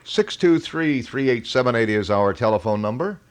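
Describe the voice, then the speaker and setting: A smooth, mid-range male voice with lively intonation and a moderate pace carries this casual live radio chat. He's a call-in host in a studio, talking in the chatty, long-winded, homespun way of a 1980 local broadcaster.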